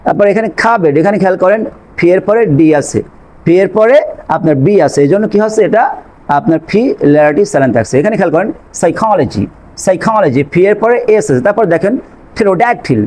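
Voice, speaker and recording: High-voiced man teaching English sounds. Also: expressive, fairly quick, darkish tone, poor audio. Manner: patient, repetitive, asks questions and answers them himself. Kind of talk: spoken lesson on English pronunciation.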